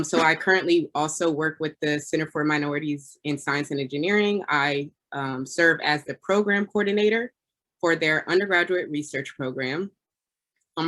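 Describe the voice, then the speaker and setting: A woman introduces herself to a panel over a video call. She speaks earnestly and often pauses with an "um" between phrases. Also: sits low, fairly bright tone. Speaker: chemistry doctoral student, panelist.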